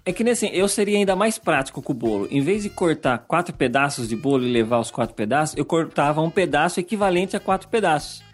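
A man's voice: fairly high pitch, animated, fast, few pauses, faint music behind. A man co-hosting a casual podcast, making dry jokes and reading out listener comments. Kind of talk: casual chat.

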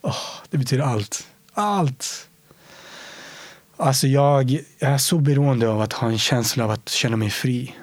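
A man being interviewed, talking earnestly and reflectively, often sinking to a soft whisper to stress a point. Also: medium pitch, steady tone, few pauses, no echo. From Sweden. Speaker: interview guest.

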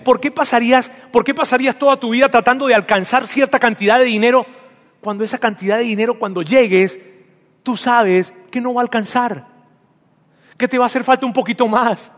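A high-pitched male pastor preaches a sermon in a large church hall. He is emphatic and repeats phrases, leading his congregation in spoken declarations.

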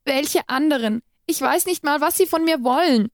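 A woman's voice: high voice, unhurried, darkish tone, dry recording, clean studio sound, voice pushed up. A woman voicing a frantic young woman, bound and terrified, whose pleading voice cracks upward in panic. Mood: panicked pleading.

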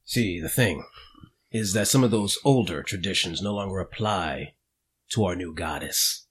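A man voicing a disdainful male gang leader in a tabletop role-play, talking slowly and low with a husky voice. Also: fairly bright tone. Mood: cold, suspicious.

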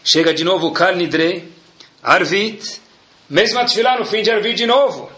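Brief: high-voiced man, bright sharp tone, animated religious storyteller, echoey room. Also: moderate pace. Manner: animated storyteller, mixes in Hebrew prayer terms.

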